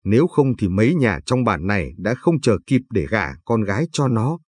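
A man's voice: fairly low pitch, big pitch swings, moderate pace, a little mellow, husky. A man voicing a kindly old village grandfather in a told story, talking in a patient, advising way.

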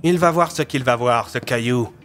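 A man's voice: medium pitch, moderate pace, fairly bright tone, soft background music, natural voice. An outspoken police inspector with loose, colloquial speech, voiced by a male narrator. The voice stays near the narrator's own, in a storybook audio drama.

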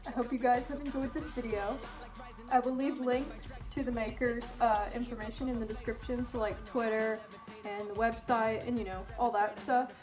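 A woman's voice: on the high side, fairly even intonation, moderate pace. A young woman vlogger chatting casually and gushing with giggles while talking inside a costume head. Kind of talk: casual unboxing vlog. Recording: echoey room with music behind.

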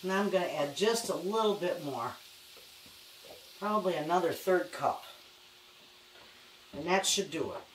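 An older woman with a lowish, animated voice talks at a measured pace, pausing often, as she cooks at her home stove. The home cook and cooking show host chats in a homespun, folksy style to a camera a few feet away. Her kitchen sounds echoey, with a distant mic and background noise.

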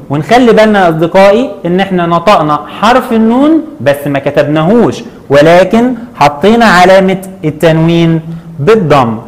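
A man with an Egyptian accent teaching a children's lesson. He patiently asks questions and answers them himself, stretching words out slowly. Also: sits high. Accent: Egyptian Arabic. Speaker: primary school Arabic teacher.

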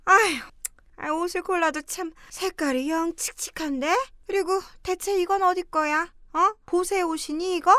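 A woman's voice: extremely high pitch, dry recording, clean studio sound. A woman voicing a cruel, scornful middle-aged mother-in-law who belittles and snaps in an audio drama. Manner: sneering, belittling, quick to shout.

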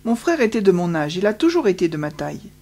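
Lectrice calme au ton pieux. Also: female voice, mid-range voice, quick pace. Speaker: audiobook reader. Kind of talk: first-person autobiography reading.

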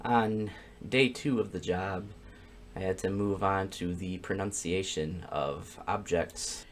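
A man doing comedic gameplay commentary, deadpan one-liners that break into excited yelling. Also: low-pitched, slow pace, a little hiss or hum.

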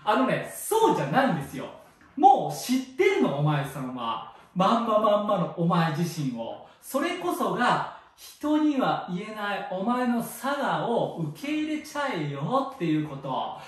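A man's voice: sits high, wildly swooping pitch, a little slow, far from the mic. Playful man in a very echoey room. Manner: playful and jokey, tacks a joking catchphrase onto lines; swings between loud bursts and soft asides. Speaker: spiritual counselor and channel host. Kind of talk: casual solo monologue.

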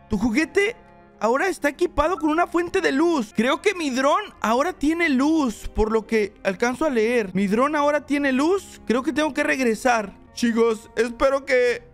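The voice is very high and gravelly, carried by a young man. He gives excitable let's play commentary and talks to his viewers the whole time. Soft music plays underneath. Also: normal speed. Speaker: gaming channel host.

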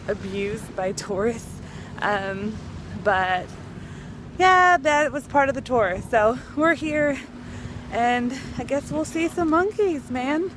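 A young woman in her twenties, her voice a little high, chats in an upbeat way for a casual travel vlog on a beach and a boat. She holds the camera at arm's length, and the background is noisy.

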